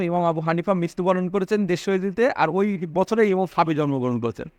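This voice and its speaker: A man's voice: sits high, dry recording. A man giving a religious sermon, repeating phrases for emphasis and asking his listeners questions. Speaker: preacher.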